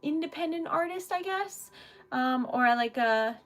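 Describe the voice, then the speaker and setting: A woman's voice: sits high, expressive, unhurried, soft background music. A woman with a Rhode Island accent chatting casually and animatedly as she hosts a livestream, rambling and giggly. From Rhode Island, United States. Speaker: livestream host, independent artist.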